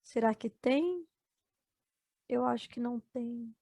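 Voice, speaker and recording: Slow, high-voiced woman teacher. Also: gravelly, mellow, no room sound. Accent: Brazilian Portuguese. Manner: slow, syllable-by-syllable explaining to students. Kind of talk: adult education video lesson.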